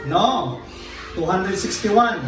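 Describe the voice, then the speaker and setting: A high-pitched man bantering as sidekick and announcer at a live show. He sounds casual and playful, far from the mic in a heavily echoing space with loud music behind him. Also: animated, slow. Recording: very echoey hall, distant mic, loud music.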